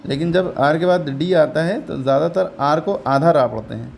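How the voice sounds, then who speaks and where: A man with a slightly high, gravelly voice teaches English reading in a step-by-step phonics lesson at a moderate pace. He patiently repeats each sound and quizzes his learner along the way, with slight background noise.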